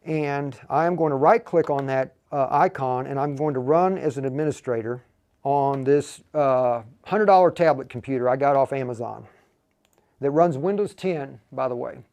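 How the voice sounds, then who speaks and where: Speaking at a moderate pace in a medium-pitched, darkish voice, a man runs a laid-back, step-by-step software tutorial on radio programming over a livestream. He thinks out loud while showing each step.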